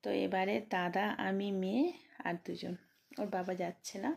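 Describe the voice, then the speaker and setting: A woman in her thirties with a Bengali accent talks softly in a late-night vlog from her bedroom. She sounds sleepy and worn out, and keeps her voice low so the household stays asleep. Her tone is gravelly and flat, with very little rise and fall. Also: moderate pace. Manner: speaking softly and quietly so as not to wake the household. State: sleepy and tired. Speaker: vlogger.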